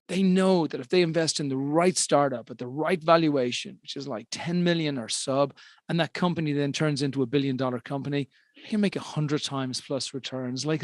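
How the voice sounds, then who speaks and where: A man's voice: a little high, no room sound, studio quality. A man hosting a podcast interview, enthusiastic and emphatic, repeating words for stress. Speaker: podcast host and investor.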